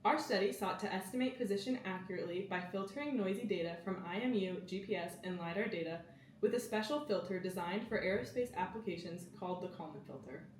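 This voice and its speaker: A woman's voice: mid-range voice, fast talker, a little hiss or hum. Teenage girl in an echoey room. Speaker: student presenter. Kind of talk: scripted project presentation. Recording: echoey room, mic at distance.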